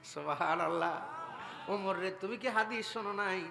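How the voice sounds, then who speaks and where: A man preaching a storytelling sermon. He swings dramatically between soft narration and loud cries, and breaks into chanted verses. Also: high-pitched, normal speed, gravelly, background noise. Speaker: Islamic preacher. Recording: echoey public-address sound in a large venue.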